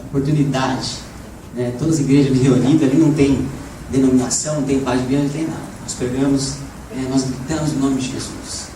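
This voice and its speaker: A slightly hoarse man preaching a lively sermon to a congregation, often asking "né?" and rising into shouts. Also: medium pitch, fairly quick. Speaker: evangelist preacher. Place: church hall. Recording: echoey church room, voice from far off, background noise.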